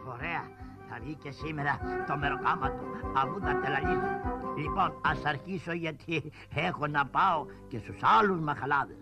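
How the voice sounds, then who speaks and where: A man voicing a fussy, fearful male town crier puppet in a shadow-puppet play, calling out in drawn-out sing-song. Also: a little high, sing-song, over loud music. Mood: proclaiming. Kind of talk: shadow-puppet theatre acting.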